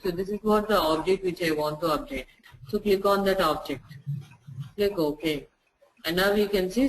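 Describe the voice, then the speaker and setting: A software testing instructor walks through a screen-share tutorial, repeating each step slowly so it is clear. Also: medium pitch, a little hiss or hum, low-quality recording. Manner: repeats phrases slowly for clarity.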